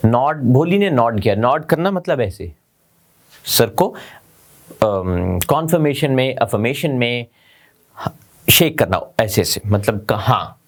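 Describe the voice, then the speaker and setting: Slow-talking guy teaching a story, lively up and down voice, explains words in hindi. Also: medium pitch. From India. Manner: explains English words in Hindi, asks the class questions. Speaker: English teacher.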